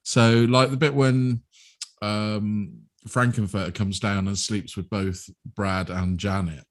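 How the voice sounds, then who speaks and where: A man co-hosts a casual podcast with a lowish voice. He is low-key and drily funny. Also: level tone, takes it slowly. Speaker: podcast co-host. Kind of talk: casual chat.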